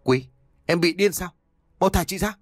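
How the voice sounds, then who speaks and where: Man doing a shrill, panicked tied-up woman. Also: fast talker, no echo, clean studio sound, faint music behind, close to an everyday voice. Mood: pleading. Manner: shrill, wailing, pleading. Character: panicked middle-aged woman, tied up, pleading.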